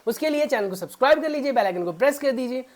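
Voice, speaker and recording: A man's voice: very high-pitched, animated, racing. A man teaching a spoken English grammar lesson to beginners. He keeps quizzing his viewers with repeated questions and talks to them in a fatherly way. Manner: fatherly, calls viewers son.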